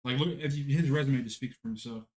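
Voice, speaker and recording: A man co-hosting a podcast, chatting casually about basketball rankings, animated and swearing for emphasis. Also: mid-range voice, fast talker. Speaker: podcast co-host. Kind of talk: casual sports chat. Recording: roomy echo.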